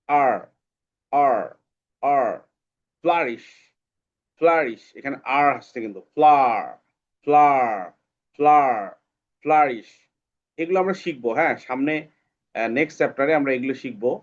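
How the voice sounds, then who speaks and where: A man's voice: medium pitch, moderate pace, pauses often, muffled recording. A man teaching English phonics, repeating each sound several times for the class. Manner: drills sounds by repeating them many times. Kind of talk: online phonics lesson.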